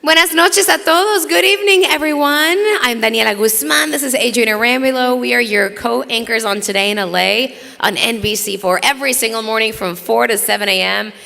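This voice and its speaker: A woman's voice: fairly high pitch, steady tone, brisk, vocal fry, few pauses, bright, forceful tone. A woman who co-anchors TV news, emceeing a live gala in a large banquet hall in a chatty, bantering way that turns solemn.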